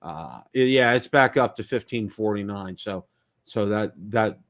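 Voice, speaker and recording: A middle-aged man with a fairly low voice hosts a casual live drone show at a measured pace. He rambles and chats with lots of fillers and restarts, speaking through temporary teeth after oral surgery.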